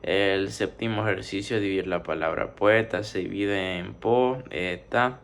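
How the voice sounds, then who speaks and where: A man with a low, gravelly voice gives a methodical spoken grammar lesson. He works through numbered exercises and slows down to stretch out each syllable. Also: a little hiss or hum. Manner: steady explaining, drawn-out syllables. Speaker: teacher.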